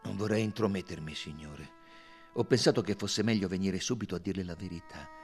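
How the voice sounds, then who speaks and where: A man reading an audiobook and voicing a calm, emotionless manservant in a low, deferential voice. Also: a little fast, faint music behind.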